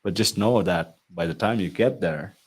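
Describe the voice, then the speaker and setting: With a husky, low voice at normal speed, an IT consulting coach delivers a promotional message to viewers. He sounds earnest and persuasive, and he often closes his sentences with "right?".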